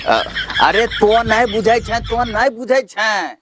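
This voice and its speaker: Man as a boastful rustic dad, loud theatrical bragging, high lively voice. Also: slow, background noise. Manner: brash, boastful, theatrical bluster. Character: boastful middle-aged village father, film superfan. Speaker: comedy sketch performer. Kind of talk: rustic comedy skit.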